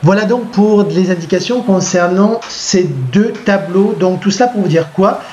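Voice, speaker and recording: French-accented male teacher, high-ish voice, patient dictating tone, slightly dull recording. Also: darkish tone, slight background noise. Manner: dictates slowly, repeats himself, checks with "d'accord?". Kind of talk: recorded lesson with slides. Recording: muffled lo-fi recording.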